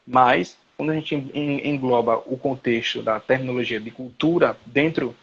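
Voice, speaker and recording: A man's voice: mid-range voice, moderate pace, husky, dull audio. A man, lecturing as a professor in a live online class and searching for words aloud as he explains.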